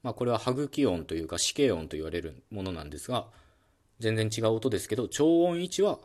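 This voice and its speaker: Low-voiced guy doing a chill solo podcast on phonetics, lots of ums, voices the sounds himself, pitch all over the place. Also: quick pace. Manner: relaxed and explanatory, many fillers, demonstrates sounds aloud. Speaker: podcast host explaining phonetics. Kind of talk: calm solo educational talk.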